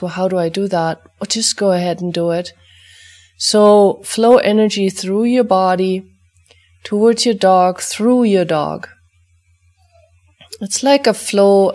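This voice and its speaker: Calm woman guiding an energy exercise. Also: medium pitch. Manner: calm, repetitive incantation-like clearing phrases. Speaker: energy healing teacher. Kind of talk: guided energy exercise for dog owners.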